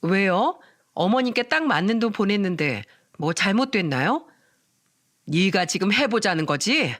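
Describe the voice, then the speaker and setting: A woman's voice: mid-range voice, natural voice. A woman voicing a haughty, contemptuous middle-aged future mother-in-law who scolds and sneers.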